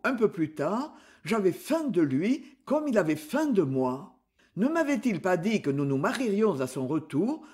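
A man's voice: high-pitched, a little mellow, exaggerated voice. A man voicing a grieving, desperate young peasant woman of about twenty, in a tearful, pleading, strained voice. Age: about twenty (figure).

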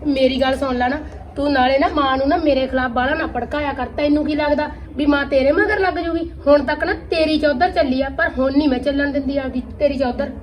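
A woman playing a lazy, sharp-tongued young daughter-in-law who answers back defiantly in an amateur family skit. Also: high-pitched, steady tone, quick pace, muffled recording, slight background noise, close to an everyday voice. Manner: mocking, defiant retorts.

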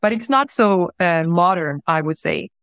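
A woman in her thirties from Croatia, raised in Sweden, answers interview questions easily, with plenty of fillers. Her voice is a little low. The sound is dry, taken over a video call. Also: lively intonation, moderate pace, fairly bright tone, smooth, no echo. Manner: friendly, easygoing, many fillers. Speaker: guest. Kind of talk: casual interview. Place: room at home, indoors.

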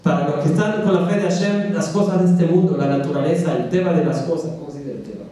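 A man, a rabbi teaching a Torah class, telling stories in an animated way and often correcting himself mid-sentence. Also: on the high side, quick pace, a crowd in the background. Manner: animated storyteller, frequent self-corrections and restarts. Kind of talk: storytelling lecture to a small group. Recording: very echoey room, distant mic.

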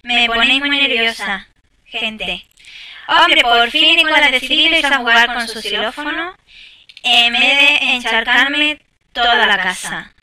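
A woman chats through gameplay in a very bright, slightly high voice, tossing exasperated asides to her viewers. She sounds set back from the microphone. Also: unhurried, recorded from a distance. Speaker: gameplay streamer. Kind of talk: casual gameplay commentary.

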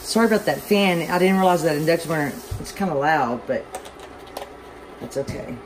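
A Southern woman with a fairly low voice talks her viewers through a home-cooked meal in a loose, rambling way and pokes fun at her own cooking. She is recorded in a home kitchen, with a loud fan humming steadily behind her. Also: animated, a little fast, background noise. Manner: chatty, rambling, self-deprecating. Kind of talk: casual cooking demonstration. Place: home kitchen, overhead camera on the stove.

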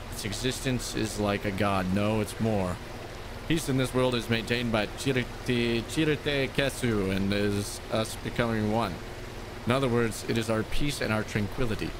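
A man voicing a solemn, menacing cult follower from a video game, preaching somewhat haltingly. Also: fairly low pitch, background noise, lightly acted. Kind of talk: video game dialogue read aloud.

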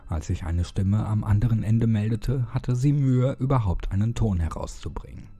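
A man reading a horror story aloud in a steady, measured storytelling manner. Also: fairly low pitch, breathy edge. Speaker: horror audiobook narrator. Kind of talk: scripted horror narration.

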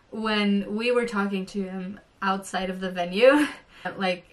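A woman's voice: medium pitch, recorded from a distance. Bubbly young woman vlogger, a bit off-mic. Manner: gushing, bubbly, many fillers. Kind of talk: excited storytelling to camera.

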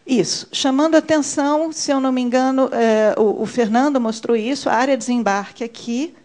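A woman, giving a measured conference talk on a handheld microphone, with many fillers as she points at her slides. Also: high-pitched, darkish tone. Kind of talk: conference presentation. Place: conference room. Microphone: handheld mic.

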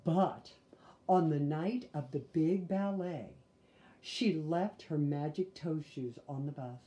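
In a living room, a woman in her sixties reads a children's story aloud, her low, mellow voice moving slowly. She reads expressively and adds small asides to her listeners, though the audio sounds dull.

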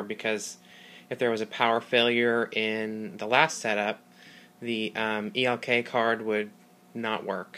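A man hosting a casual hobby video, explaining equipment in an informal, halting way, recorded on a handheld device indoors. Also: lowish voice, fairly bright tone, slight background noise. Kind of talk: casual product demonstration vlog. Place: small carpeted room indoors. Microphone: handheld phone or camera mic.

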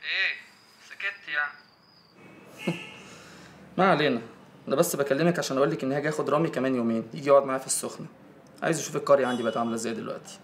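An actor playing a sarcastic, taunting Egyptian ex-husband in a film drama. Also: male voice, mid-range voice, rapid-fire, long pauses, a bit bright, a little hiss or hum, natural voice.

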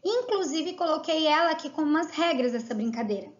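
A woman with a Brazilian Portuguese accent, teaching a recorded lesson and reading words out slowly and clearly. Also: high-pitched, animated, lo-fi sound. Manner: slow, clearly spelled-out dictation of words.

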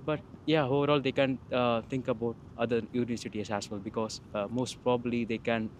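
Young Indian student, hesitant, faint traffic. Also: male voice, mid-range voice, steady tone, brisk. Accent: Indian English. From South India. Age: 20s. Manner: hesitant, many fillers, earnest. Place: open park lawn outdoors.

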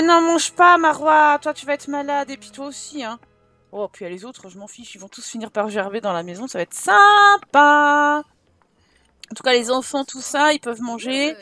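Woman, high voice, let's play host, casual chatty commentary, teasing. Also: a bit bright. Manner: chatty, teasing, scolds her game characters.

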